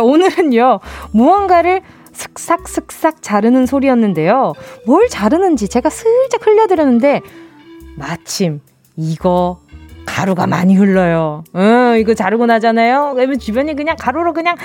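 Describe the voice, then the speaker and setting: A woman's voice: fairly high pitch, sing-song, normal speed, a little mellow, soft background music. A woman hosting a radio show, chatting playfully and teasing listeners as she reads their answers. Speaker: radio host. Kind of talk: casual radio chat.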